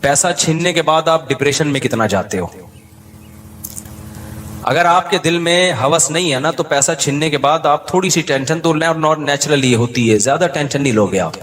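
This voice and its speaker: Joking cleric in a reverberant hall. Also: male voice, a little high, normal speed, fairly bright tone, slight background noise. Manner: jokey storytelling, laughs between points. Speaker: Islamic scholar giving a talk. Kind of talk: humorous religious lecture.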